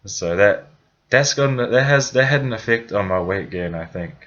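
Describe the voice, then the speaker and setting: A man's voice: on the low side, animated, normal speed, a bit bright, muffled recording. A young man from New Zealand with a New Zealand accent, casually telling his own story in a vlog, rambling with many fillers and self-corrections.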